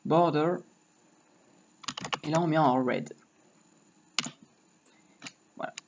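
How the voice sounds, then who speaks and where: In this laid-back screen-recorded HTML lesson, the male teacher's voice sits on the high side and moves very slowly. He talks while typing, wandering off on tangents and tossing out jokes to himself. Keyboard sounds fill the background, captured by a dull, faintly noisy lo-fi mic.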